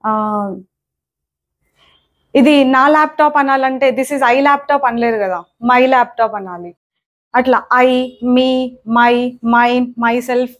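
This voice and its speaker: A young woman with a slightly high voice teaches grammar in a spoken English lesson, taking her time and leaving long pauses. She repeats her points and keeps checking in with "okay?".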